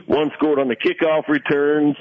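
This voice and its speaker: A man's voice: a little high, little pitch movement, moderate pace. A man hosting a sports broadcast with unscripted football pregame commentary. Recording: dull lo-fi radio broadcast.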